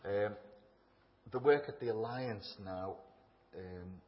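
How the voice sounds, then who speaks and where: In a church building, a middle-aged guest speaker from England with a Liverpool accent talks from a lectern to the congregation. His slow, low voice echoes long through the hall, and his informal talk is chatty, self-deprecating, and humorous. The sound is slightly dull.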